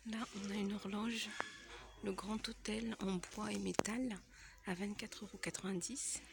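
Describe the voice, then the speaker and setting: A woman with a cold films a walkthrough vlog inside a large home decor store. She speaks softly, often sliding into a near whisper, at a middling pitch for a woman. Steady store noise runs under her voice. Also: unhurried, gravelly. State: has a cold.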